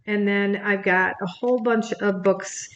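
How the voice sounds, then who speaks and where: An older grandmother reads a bedtime story in a gentle voice and pauses to ask her grandchild questions. She speaks at a medium pitch, and the echoey room makes the webcam recording sound roomy. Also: fairly even intonation, lo-fi sound. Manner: gentle, talks to the child by name between pages.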